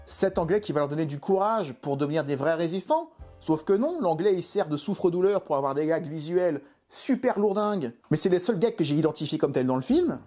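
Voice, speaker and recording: An exasperated man delivers an opinionated film review. His mellow voice swings up and down a lot as he throws out rhetorical questions, with faint music underneath. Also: a little high, expressive, fairly quick.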